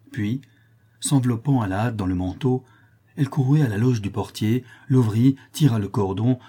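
A man's voice: fairly low pitch, warm tone, breathy edge. A man narrating a classic novel as an audiobook in a dramatic storytelling manner.

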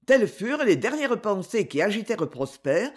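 A woman reads a classic novel aloud in a measured, expressive way. Her pitch sits mid-range but moves with lively rises and falls. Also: husky. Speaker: audiobook narrator. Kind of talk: expressive literary narration.

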